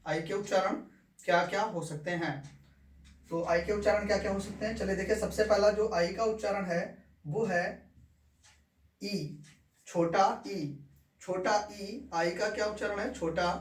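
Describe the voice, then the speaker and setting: A man's voice: sits high, fairly even intonation, normal speed. A man teaching English pronunciation, repeating each word and asking questions. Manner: repeats words and asks the class questions. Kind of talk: classroom lesson. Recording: echoey room, far from mic.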